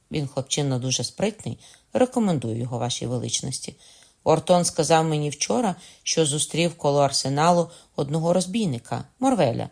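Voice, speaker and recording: A man's voice: on the high side, creaky, a little mellow. A man voicing a loyal, vengeful young soldier in an audiobook reading, blunt and resolute.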